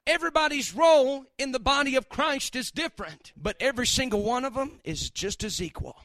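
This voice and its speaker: A male preacher delivering a fervent sermon, swinging from quiet talk to shouting. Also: very high voice, no room sound.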